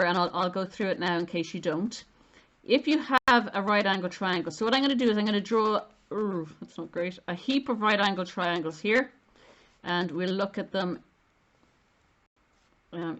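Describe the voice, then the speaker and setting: A woman's voice: lowish voice, a bit bright. A middle-aged woman with an Irish accent, giving an informal maths lesson in an explanatory, self-deprecating way and stressing key terms. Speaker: maths teacher.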